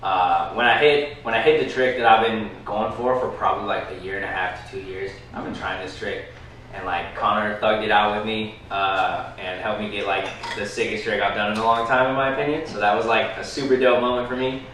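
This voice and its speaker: A man's voice: fairly low pitch, steady tone, a little fast, a bit bright, slight background noise. Thirtysomething vegas guy, chill slangy roundtable talk, far off mic, dishes clinking. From Las Vegas, United States. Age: 30s. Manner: laid-back slang, many fillers. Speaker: kendama player. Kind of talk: casual roundtable chat. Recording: roomy, distant, dish clatter behind.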